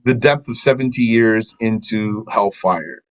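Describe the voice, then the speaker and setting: A religious teacher with a lowish voice reads a translated passage aloud at a measured pace, then explains it, weaving in Arabic terms. The audio quality is poor.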